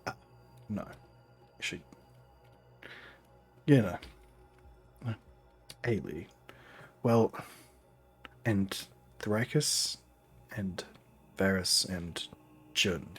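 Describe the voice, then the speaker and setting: Slow, husky game master, a man. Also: deep voice, a bit bright, faint music behind. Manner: slow and halting, many fillers and restarts. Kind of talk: narrating a tabletop game.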